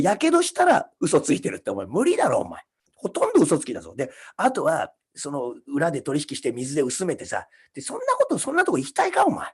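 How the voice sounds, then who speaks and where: A man hosting his own livestream alone, talking casually, ranting with rough scolding asides and reading out viewer comments. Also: medium pitch. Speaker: comedian hosting a solo livestream.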